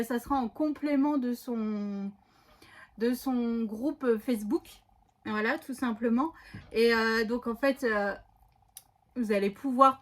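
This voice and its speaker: A woman vlogger chatting casually from her home craft room, rambling and hesitating a lot as she shows off what she bought. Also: on the high side. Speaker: scrapbooking vlogger. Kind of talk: casual haul video chat.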